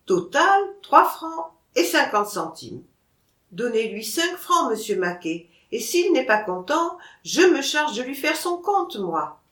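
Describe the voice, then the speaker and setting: A woman reading as a bossy gruff gardener. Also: high voice, sing-song, takes it slowly, fairly bright tone, reverberant, pitched above the performer's own voice, exaggerated voice. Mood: brusque.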